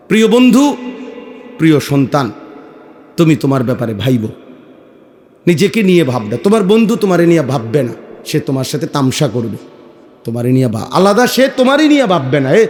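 A middle-aged male Islamic preacher with a Comilla Bengali accent, giving a waz sermon in a light voice after throat surgery, shifting from soft storytelling to loud exhortation. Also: on the high side. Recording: echoey hall, long reverb.

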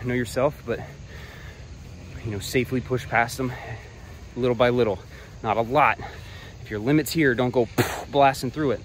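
A man vlogging hiking tips while walking a trail outdoors, relaxed and a bit profane, talking between breaths. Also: mid-range voice, a little hiss or hum. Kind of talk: casual talk while hiking. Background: crickets and insects.

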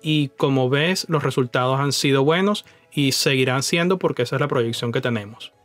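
A man's voice: medium pitch, moderate pace, a bit bright, dry recording, soft background music. A man explaining personal investing as a voice-over, talking directly to the viewer and now and then slipping in English words. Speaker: personal finance YouTuber.

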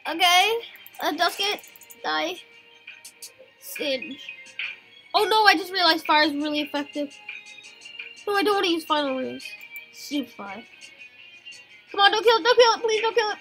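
A young-sounding gaming video host giving excited, exclamation-filled commentary and often repeating words, with game music behind. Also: extremely high pitch, moderate pace, pauses often.

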